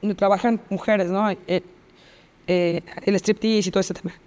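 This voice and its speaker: A woman's voice: medium pitch, fairly even intonation, moderate pace, a little mellow, big-room sound. A woman with a Mexican accent, a podcast interview guest telling a personal story in vivid detail and repeating phrases as she relives the scene. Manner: vivid retelling, reenacts past dialogue, repeats phrases.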